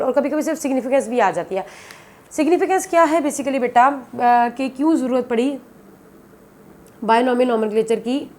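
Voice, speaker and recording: Fairly high in pitch and darkish in tone, a woman lectures on biology in a classroom. She takes each point slowly and repeats it, addressing her students as "beta" again and again.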